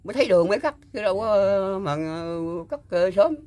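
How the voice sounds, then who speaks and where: An older man, recalling a story in casual talk and pausing often with fillers and repeated words. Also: high voice, lively intonation, darkish tone. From Mekong Delta, Vietnam. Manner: halting, full of fillers and repeats. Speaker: guest storyteller. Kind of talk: casual spoken recollection.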